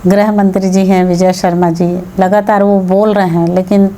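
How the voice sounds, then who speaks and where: A woman politician answers an interviewer in a firm, argumentative way, often firing back with pointed questions. Her voice is mellow and on the darker side. A faint hiss of noise sits under the recording. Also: medium pitch, little pitch movement, normal speed. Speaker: MLA, interview guest.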